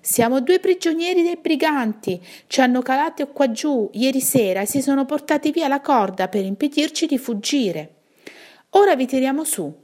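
A woman voicing two captive young knights calling up from a well, high and urgent. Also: animated, moderate pace, a little mellow. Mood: desperate.

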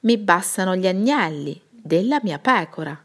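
A woman's voice: fairly low pitch, animated, normal speed, fairly bright tone. A woman voicing a cheerful, confident young shepherd in a storybook reading.

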